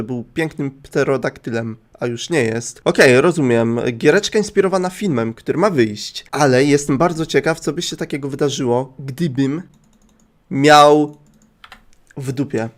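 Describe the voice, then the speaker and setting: A man's voice: mid-range voice, moderate pace. A man commenting on a video game in a playful, joking way, often talking to his viewers and swearing casually. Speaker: gaming YouTuber. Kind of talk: let's play commentary.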